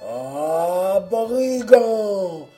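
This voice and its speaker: A woman reading aloud and voicing a huge, furious male giant who roars slowly and with menace in a storybook. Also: extremely low pitch, flat delivery, mellow, faint music behind, voice pushed down, full character voice. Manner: roaring, slow and menacing.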